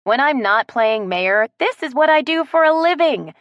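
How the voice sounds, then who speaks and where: A woman's voice: high-pitched, normal speed, no echo, lo-fi sound, voice pushed up. A woman voicing a protective, hot-tempered tree-climbing woman who barks orders like a drill sergeant. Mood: clenched anger. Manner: commanding, strained calm.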